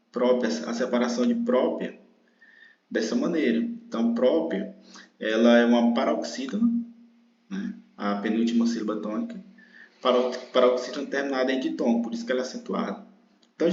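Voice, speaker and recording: With a Brazilian Portuguese accent and a somewhat mellow, mid-range voice, this online exam-prep teacher patiently walks through a grammar exercise, stretching words out syllable by syllable. The recording sounds roomy, dull and lo-fi.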